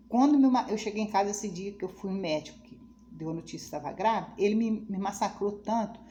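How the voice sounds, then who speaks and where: A woman's voice: mid-range voice, dark tone, slight background noise. Woman telling a painful life story. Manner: emotional, quotes others' speech, pleading religious tone. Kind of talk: personal life story, testimony.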